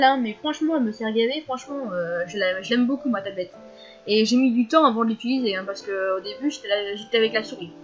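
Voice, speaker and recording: A teenage girl with a high, youthful voice rattles through viewer questions at speed, full of fillers and quick giggles. The recording is a little dull and lo-fi, with faint music underneath. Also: fairly bright tone. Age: teens. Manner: fast, chatty, giggly, lots of fillers. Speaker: youtuber answering viewer questions. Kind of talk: casual FAQ vlog.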